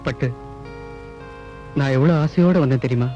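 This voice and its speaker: A man's voice: mid-range voice, normal speed, mellow, faint music behind, natural voice. A young actor playing a hero who coaxes his sweetheart tenderly, in a Tamil film. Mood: coaxing. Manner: tender, coaxing. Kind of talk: 1980s Tamil film acting.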